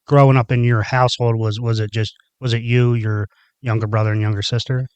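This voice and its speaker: A man's voice: medium pitch, level tone, a little fast, a little mellow, clear, resonant tone, no room sound. Podcast host man, dull lo-fi sound. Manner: brief agreeing replies, plain questions. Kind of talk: casual interview.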